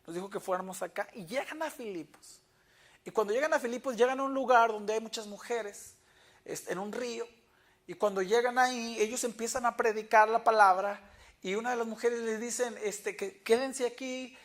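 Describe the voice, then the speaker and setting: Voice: mid-range voice, normal speed. A pastor preaching a sermon in church and telling stories with acted-out dialogue. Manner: storytelling, acting out quoted dialogue.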